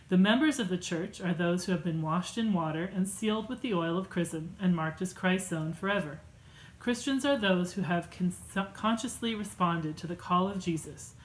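A woman in her thirties at home, reading a church class lesson from her notes in a measured, earnest way with a few fillers. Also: lowish voice, rough recording. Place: home room with bookshelves.

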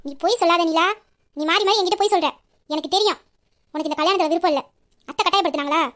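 Woman playing insistent young girlfriend in a storybook, keeps asking, super high voice. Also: rapid-fire, a bit bright. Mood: pressing. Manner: insistent, probing questions. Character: pushy young woman, worried best friend. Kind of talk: audio story reading.

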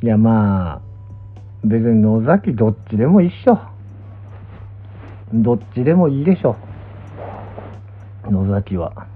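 A man's voice: lowish voice, lively intonation, slow, pauses often. Young guy w/ kansai accent just chatting on stream, voice swings up and down, thin phone sound, bit of music behind. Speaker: pro gamer and streamer. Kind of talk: casual livestream chat. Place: small indoor room, lying down. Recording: muffled, thin phone-like audio.

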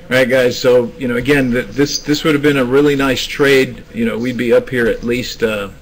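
A man's voice: mid-range voice, fairly even intonation, moderate pace, slight background noise, low-quality recording. A man hosting a live forex trading room, talking traders through the market with many restarts and hesitations. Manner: hesitant, restarts, coaxing the screen. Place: trading room, screen recording.

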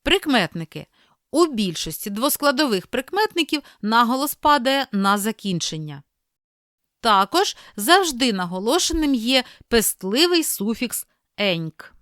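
A woman teacher reading a scripted lesson, clear and deliberate, slowing down to spell out example words. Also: a little high, very animated, a bit bright, dry recording, studio quality.

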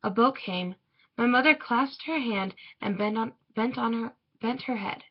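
A woman reading a children's picture book aloud in a measured, expressive way. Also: on the high side. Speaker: storybook reader. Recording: dull lo-fi recording.

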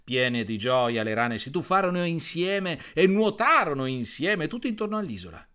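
A male priest reading a bedtime story with a very bright, forceful tone. His pitch swings widely, and his volume rises and falls with the tale. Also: normal speed, smooth. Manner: expressive storytelling, with strong swings in pitch and loudness.

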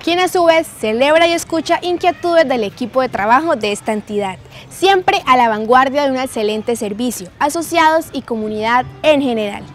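A woman's voice: high voice, lively intonation, normal speed, hardly any pauses. A woman reading a local news item in a formal announcing tone. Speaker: news reporter. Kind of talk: read news narration.

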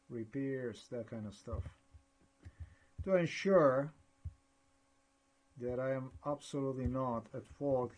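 A vlogger with a husky, breathy, medium-pitched voice narrates a screen recording, describing each step as he clicks through files. He rambles excitedly, and the audio quality is poor.

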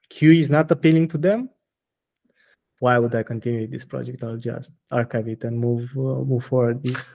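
A man speaks as a guest in a technical interview. He halts and restarts often while he searches for words. His pitch is in the middle for a man. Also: vocal fry, darkish tone. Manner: hesitant, many restarts and fillers, blunt answers. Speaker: guest software maintainer.

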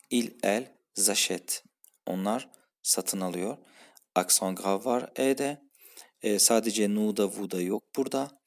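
A man with a fairly low voice works through French verb endings one by one. He speaks patiently and repeats each form with its meaning, as a teacher does for his students. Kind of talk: explaining French grammar for a Turkish-speaking class.

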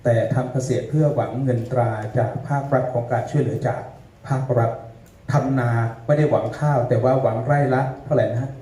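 A man's voice: mid-range voice, fairly even intonation, a little fast, dark tone. A man moderating a live panel, chatting and teasing the audience between introductions. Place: event hall with an audience. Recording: echoey hall, distant mic, faint room noise.

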